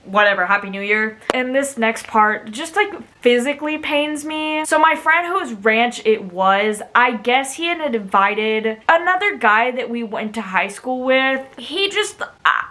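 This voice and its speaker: A woman's voice: sits high, animated, a little slow, few pauses, bright, forceful tone. A young woman with an American accent tells a personal story in a casual, rambling way, with exasperated emphasis and dramatic asides. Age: young adult. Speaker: vlogger telling a personal story.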